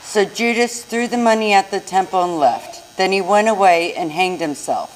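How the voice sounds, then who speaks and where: In a live church service recording of low quality, an American woman narrates a scripture story aloud. Her voice sits in the mid range and she reads at a normal speed.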